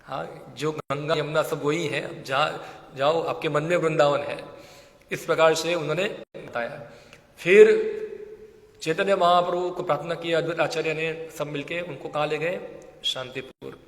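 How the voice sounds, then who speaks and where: A man preaching a storytelling sermon in a temple hall, animated and acting out the voices of the people in his tale. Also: fairly high pitch, moderate pace. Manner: lively storyteller, acts out quoted voices, laughs often. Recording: echoey hall with long reverb.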